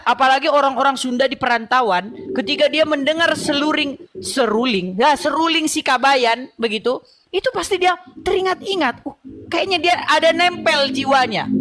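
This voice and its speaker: A woman's voice: high voice, normal speed, a crowd in the background. A woman hosting a religious debate call, persistent and lecturing, telling anecdotes and laughing at her own points. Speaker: channel host in religious debate.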